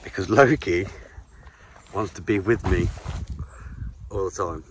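A man's voice: sits low, measured pace, background noise. A man out of breath, chatting casually to camera while walking his puppy in an open field. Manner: chatty, laughs often while handling the puppy. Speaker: vlogger, dog owner. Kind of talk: casual vlog talk to camera.

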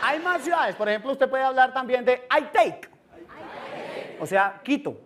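A man's voice: extremely high pitch, animated, fairly quick, fairly bright tone, a little hiss or hum. A Colombian man doing a stand-up comedy set, playfully playing teacher with exaggerated broken English. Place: stage before a live audience.

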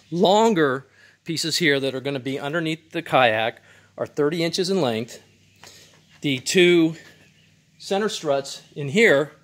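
A man hosting a DIY channel, calmly walking through a step-by-step build tutorial with measurements, in a plain, methodical way. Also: fairly high pitch.

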